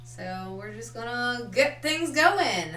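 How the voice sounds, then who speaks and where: A woman co-hosting a live stream in playful, jokey chat, her voice booming with a big room echo. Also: expressive, slow, slight background noise. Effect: booming roomy echo, as in a big hall. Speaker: stream co-host. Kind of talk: casual chat during a live pinball stream. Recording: echoey boomy room, distant mic, loud music.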